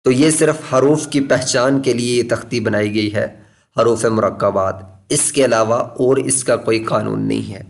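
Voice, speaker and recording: A man teaching Quran reading in a recorded lesson, explaining patiently and deliberately, repeating key points and slowly drawing out letter names to demonstrate. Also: medium pitch.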